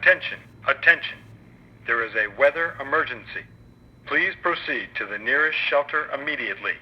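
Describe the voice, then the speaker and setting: A man giving a prerecorded emergency announcement over a PA loudspeaker, firm and measured. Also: mid-range voice, lively intonation, very noisy. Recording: dull lo-fi loudspeaker in a building, heard from off.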